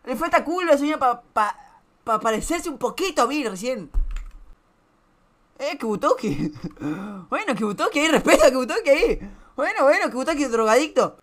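Young male streamer, Rioplatense accent, crude casual reactions, bright timbre. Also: very high-pitched, very animated, normal speed. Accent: Rioplatense Spanish. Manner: swears a lot and laughs often.

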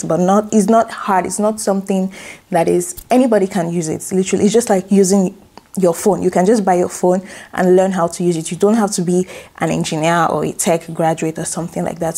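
A woman's voice: fairly low pitch, fairly even intonation, moderate pace, mellow, no room sound. A woman hosting a tutorial, talking over a screen recording in a chatty, upbeat, reassuring way and often restarting her phrases. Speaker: tutorial host.

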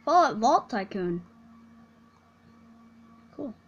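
Chatty higher-voiced woman gaming. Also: big pitch swings, very slow, muffled recording. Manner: chatty, rambling, trips over words. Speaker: gamer recording a video. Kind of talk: casual chat while playing.

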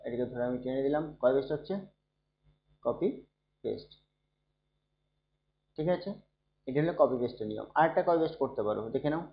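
A man who is unwell, teaching a computer lesson slowly and softly, often asking his students if they follow. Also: mid-range voice. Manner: slow, soft-spoken, checks in often with students. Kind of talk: screen-recorded computer lesson. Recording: dull, echoey room recording.

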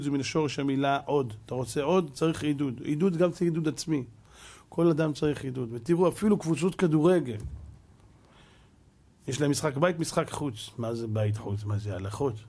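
A rabbi preaching a sermon, swinging between loud, rousing exhortation and quiet, hushed asides. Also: male voice, a little high.

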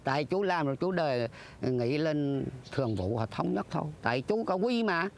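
Older guy, gravelly voice, earnest reminiscing, acts out old talks. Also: fairly high pitch, lively intonation, normal speed, a little hiss or hum. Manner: earnest, acts out dialogue, breaks into sung lines. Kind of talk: reminiscing interview.

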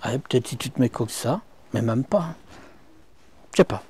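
Inside a camper van, a middle-aged motorhome reviewer walks viewers through the interior in a casual vlog. His mid-range voice is animated and a little mellow, at a moderate pace, and the clip-on mic picks up slight hiss or hum. He addresses the viewer directly and keeps throwing in "hop-hop" and "hein."

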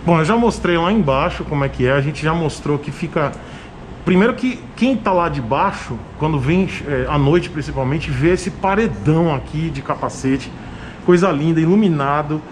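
A man's voice: on the high side, expressive, moderate pace, slight background noise. A man with a Brazilian Portuguese accent hosting a casual, enthusiastic vlog tour of a motorcycle shop. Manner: upbeat, chatty, enthusiastic. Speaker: vlog host.

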